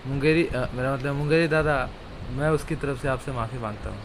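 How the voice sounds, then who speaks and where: A man voicing a stern, middle-aged village uncle in an animated cartoon, lecturing in a measured way. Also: mid-range voice, slight background noise, lightly acted.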